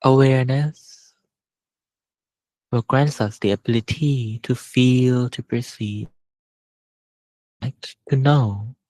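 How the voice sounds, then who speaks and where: This guided meditation comes from a male teacher whose mid-range voice stays steady as he speaks gently, slowly and with long pauses. The recording is rough but has no echo.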